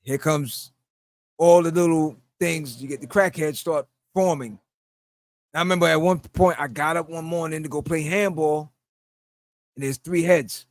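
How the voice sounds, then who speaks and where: In an unhurried voice on the high side, a middle-aged man with a New York accent casually tells stories on his podcast, laughing and performing the voices he quotes. The recording is dry.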